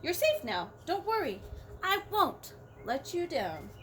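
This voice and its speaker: Woman voicing a gentle male elephant; earnest, protective, bright animated read. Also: very high-pitched, slow pace, a little hiss or hum, pitched above the performer's own voice, heavily acted. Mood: determined. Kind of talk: storybook reading aloud.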